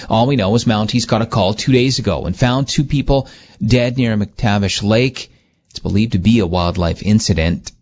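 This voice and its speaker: Man, radio news anchor, measured scripted reading, low voice, tinny clock-radio sound, dull lo-fi band. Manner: steady, measured news delivery. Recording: muffled lo-fi radio broadcast.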